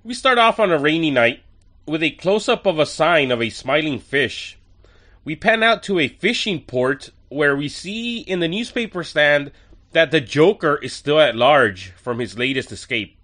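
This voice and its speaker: A male podcast host reviews an episode casually, chatty and enthusiastic with wry asides. His voice is a bit higher than most men's, bright and forceful, though a cold leaves him a little stuffy and nasal. He sounds animated and speaks at a normal speed.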